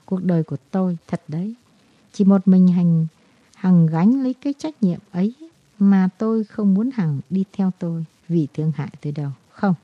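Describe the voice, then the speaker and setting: A woman's voice: lowish voice, no room sound. A woman reading the lines of a heartbroken young man who pleads earnestly with the woman he loves. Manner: earnest, pleading, melodramatic delivery. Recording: dull, dry lo-fi recording.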